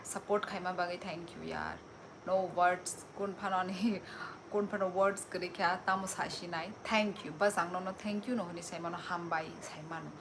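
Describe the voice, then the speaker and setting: A woman's voice: fairly low pitch, fairly even intonation, measured pace, noisy background. A woman from Tripura, hosting a casual livestream. She reads out viewer comments and answers them in a teasing, playful way. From Tripura, India. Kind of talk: casual live-stream chat.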